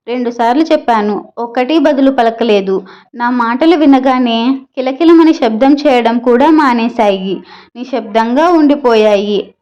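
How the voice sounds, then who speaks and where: A woman's voice: sits high, warm tone, muffled recording, close to an everyday voice. A woman voicing a wealthy male merchant who talks in a reassuring, talkative way. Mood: telling. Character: wealthy male merchant, possessive but kindly-spoken.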